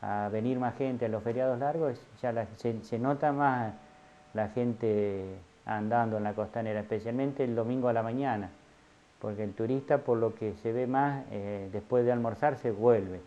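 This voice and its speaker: Middle-aged argentine guy telling his story, halting w lots of restarts, mellow voice, kinda dull lo-fi audio. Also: mid-range voice, a little hiss or hum. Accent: Argentine Spanish. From Santa Fe, Argentina. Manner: halting, many restarts and fillers. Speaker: filete artisan. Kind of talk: casual interview testimony.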